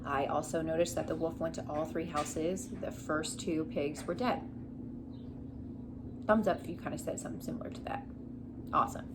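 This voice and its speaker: A young adult woman teaches children through an instructional story lesson, asking listeners questions as she goes. Her voice is low and steady at a moderate pace, with frequent pauses. She's in a small living room, recorded by a camera a short distance away, with background noise.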